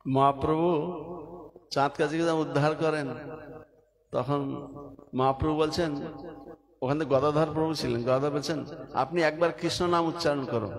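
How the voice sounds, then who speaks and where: A man's voice: on the high side, fairly even intonation, moderate pace, long pauses. A man giving a devotional sermon, telling stories and leading the listeners in chanting. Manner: storytelling, leads chanting. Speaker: preacher. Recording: crowd noise behind.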